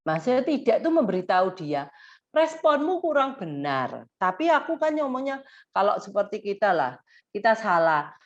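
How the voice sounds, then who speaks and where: Animated woman therapist. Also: fairly quick. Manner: animated, acts out high exaggerated example phrases; mixes English words into her talk. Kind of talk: live-streamed parenting lesson. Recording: dull lo-fi stream audio.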